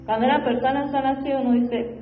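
A woman's voice: sits high, fairly even intonation, fairly quick. Fervent woman preaching in an echoey room. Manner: fervent, repeats "hermano" and "gloria al Señor". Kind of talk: sermon. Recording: echoey room, dull lo-fi sound, faint music behind.

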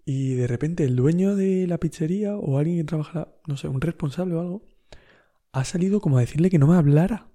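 A man with a Spain Spanish accent tells a story in a relaxed podcast monologue. His voice is very dark and mellow. He rambles along in a slangy way, full of fillers and asides to the listener. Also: fairly high pitch, a little fast. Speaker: podcast host.

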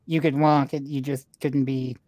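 A man guesting on a casual podcast, cracking dry deadpan jokes. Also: medium pitch, dry recording. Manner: slow, dry deadpan humor. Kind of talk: casual crude banter.

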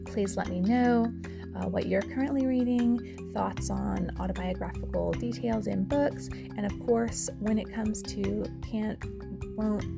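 A woman, hosting a casual solo podcast in an earnest, reflective way with soft laughs. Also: medium pitch, vocal fry. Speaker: podcast host and author.

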